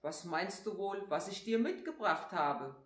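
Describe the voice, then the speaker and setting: A woman voicing Saint Nicholas, a stern but kindly old man who grumbles and gently scolds a child. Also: medium pitch, expressive, a little slow, close to an everyday voice. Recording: echoey room.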